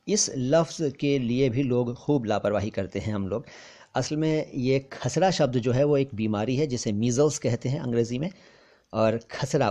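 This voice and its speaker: Male language tutor, even-pitched, careful and repetitive, explanatory lesson delivery. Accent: Hindustani with careful Urdu pronunciation. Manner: careful, repeats words slowly for contrast. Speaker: language teacher.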